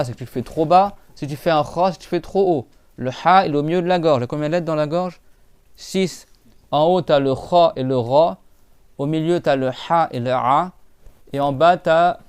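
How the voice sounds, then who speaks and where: Smooth, dry-voiced man teaching. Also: a little high, no echo. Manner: patient, repeats and drills sounds; casual spoken French with many fillers. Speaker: Quran recitation teacher. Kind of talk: live class explanation.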